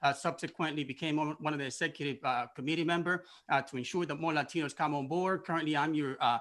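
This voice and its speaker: A male candidate speaking earnestly at a political forum, with frequent pauses and fillers. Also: on the high side, steady tone, a bit bright. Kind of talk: forum opening statement.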